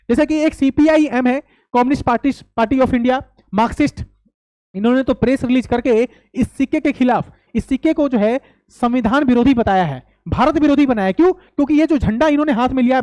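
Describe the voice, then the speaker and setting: Young male coaching teacher lecturing, high voice, dry close sound, emphatic and repetitive with rhetorical questions. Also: darkish tone, no echo. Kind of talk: classroom-style lecture.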